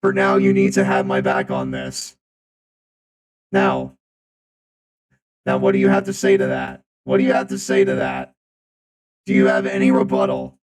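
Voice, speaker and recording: A male streamer whose voice runs through a booming, deep, metallic robot voice changer, rambling and repeating phrases in casual chat. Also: very animated, normal speed, creaky, pauses often, rough recording.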